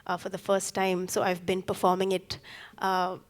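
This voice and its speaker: A young singer-songwriter from Sikkim, India, whose first language is Nepali, talks softly to the audience between songs on stage at a live arts event. Her female voice is fairly low and monotone at a moderate pace, and she comes across as earnest and hesitant, with many ums and restarts.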